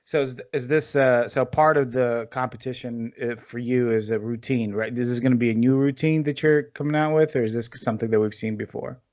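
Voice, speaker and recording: A man's voice: mid-range voice, fairly even intonation, a little fast, few pauses, a little mellow, dull audio. A man hosting a podcast, asking questions casually and hesitantly, often repeating words. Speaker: podcast host.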